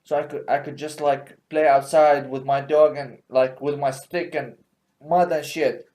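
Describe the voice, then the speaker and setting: A man's voice: on the high side, fairly even intonation, measured pace, warm tone, lightly acted. Man putting on a bitter, swearing soldier with a British accent. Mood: grumbling. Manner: grumbling, profane, seething. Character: bitter middle-aged male soldier who hates electronics.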